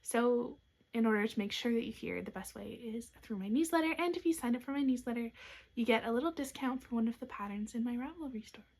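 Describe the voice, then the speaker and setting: A woman's voice: a little high, quick pace. A young woman hosting a knitting podcast, showing off her designs in a chatty, upbeat way. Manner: chatty and upbeat, with soft asides. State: has hiccups. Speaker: knitwear designer and podcast host. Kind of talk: casual show-and-tell podcast chat.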